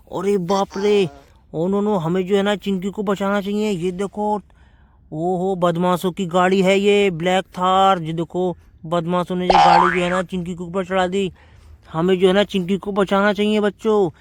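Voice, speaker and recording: Man, high voice, toy-play narrator for kids, eager, mouths engine noises. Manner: excited, keeps calling out to children, makes vehicle sounds. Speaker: toy video narrator for children.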